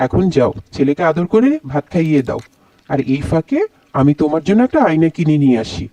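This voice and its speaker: A man voicing a gentle, patient cartoon father with a mild, coaxing manner. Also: a little high, animated, a little fast, no room sound, dull audio. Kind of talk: cartoon voice acting.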